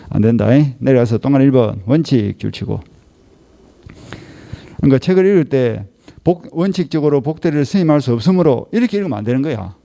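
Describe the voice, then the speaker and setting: A man's voice: medium pitch, vocal fry, mellow. A middle-aged man with a Gyeongsang Korean accent gives an exam-prep law lecture, scolding and teasing his students with rhetorical questions.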